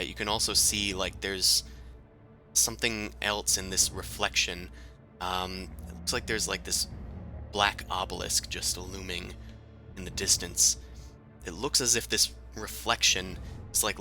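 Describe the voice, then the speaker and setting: A man narrating a tabletop game as game master, describing scenes slowly with lots of "uh" and "like". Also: low-pitched, flat delivery, bright, forceful tone, soft background music.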